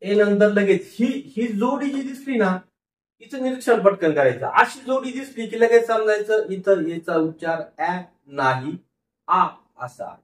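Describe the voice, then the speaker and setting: A man gives a phonics lesson in a high-pitched, expressive voice at a measured pace, sounding words out syllable by syllable and repeating them. He quizzes the class and answers himself. Recorded from a distance, the audio has a roomy echo.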